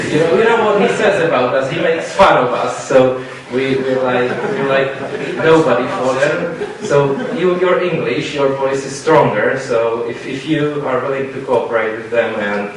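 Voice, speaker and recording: A man with a Czech accent asking a question from the audience, halting and searching for words in English. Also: medium pitch. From Czech Republic. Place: debate hall. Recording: echoey hall, mic at a distance.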